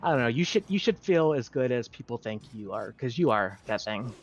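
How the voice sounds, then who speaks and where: A man's voice: medium pitch, lively intonation, fairly quick. A man in his thirties, a guest in a casual chat, encouraging and rambling with many fillers.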